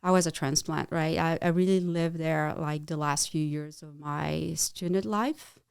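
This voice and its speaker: A middle-aged woman from France with a French accent, speaking as a guest in a casual interview, halting with many restarts. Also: low voice, fairly even intonation, vocal fry, smooth, dry recording, clean studio sound. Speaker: guest, chief marketing officer.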